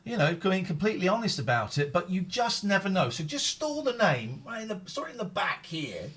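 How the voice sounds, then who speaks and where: Animated British male host, higher-pitched voice. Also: fairly quick. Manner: informal, rambling, repeats phrases. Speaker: host of a live phone-in show. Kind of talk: casual live chat.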